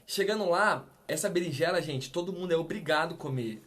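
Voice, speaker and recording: A man's voice: a little high, a little fast. A man in his thirties, a pastor, telling stories in a casual, direct chat. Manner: storytelling, animated and direct.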